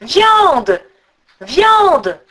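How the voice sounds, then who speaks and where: A woman voicing a big, hungry male eagle in a storybook tale, calling out loudly and insistently. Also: high-pitched, lively intonation, moderate pace, pitched above the performer's own voice. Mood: hungry, pleading. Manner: loud, insistent cries.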